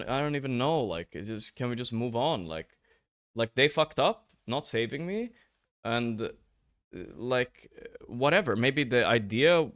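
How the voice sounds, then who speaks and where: Male streamer, middle-pitched, frustrated, swears a lot, talks close to a hot mic. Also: a bit bright. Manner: frustrated, repeats "like, bro", swears freely. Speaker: streamer reviewing a match recording. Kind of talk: casual chat to stream viewers. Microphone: headset or desk mic, turned up high.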